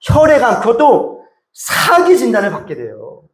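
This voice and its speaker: A man's voice: extremely high pitch, huge pitch swings, normal speed. A male pastor delivering a sermon, telling a story and speaking directly to his congregation. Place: church sanctuary. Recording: echoey church hall.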